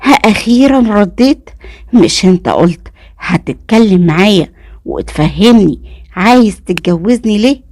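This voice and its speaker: A woman with an Egyptian accent voicing a stubborn, quick-tempered young woman in a spoken story. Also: gravelly, darkish tone, no echo, clean studio sound, natural voice. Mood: exasperated. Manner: exclaiming, high-pitched outbursts.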